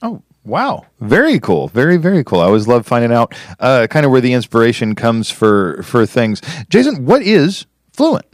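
A man's voice: mid-range voice, huge pitch swings, normal speed, few pauses, no echo, studio quality. A man hosting an interview podcast, talking with enthusiasm and often repeating words as he restarts. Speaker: podcast host.

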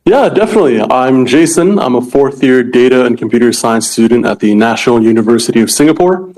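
A man's voice: mid-range voice, lively intonation, fairly quick, darkish tone, poor audio. Young male startup founder from Indonesia. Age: 20s. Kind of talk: interview answers.

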